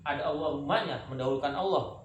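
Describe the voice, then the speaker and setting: A man's voice: on the high side, quick pace, highs cut off. A man teaching a religious study group, drilling pronunciation and asking if listeners understand. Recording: echoey room, faint background noise.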